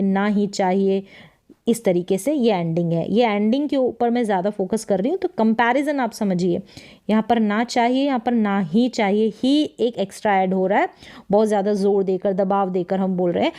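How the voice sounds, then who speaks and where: A woman teaching English grammar to learners, explaining each rule and repeating key phrases. She says her English example sentences slowly and clearly. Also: mid-range voice, warm tone.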